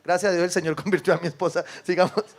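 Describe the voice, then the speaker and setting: High-voiced pastor preaching. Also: male voice, fairly even intonation, rapid-fire. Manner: conversational, often asks the congregation for agreement; tells stories with quoted dialogue and chuckles. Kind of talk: sermon. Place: church service with a congregation.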